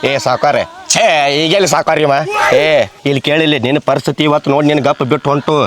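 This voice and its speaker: A man's voice: a little high, fairly even intonation, fast, background noise, natural voice. A man playing a scolding village moneylender. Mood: threatening. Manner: scolding, threatening. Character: gruff village moneylender demanding payment.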